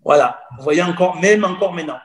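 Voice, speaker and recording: His voice sits high and moves fairly quickly: a Cameroonian guest in his forties, earnestly telling his personal story in conversation and repeating phrases. There is a roomy echo on the recording.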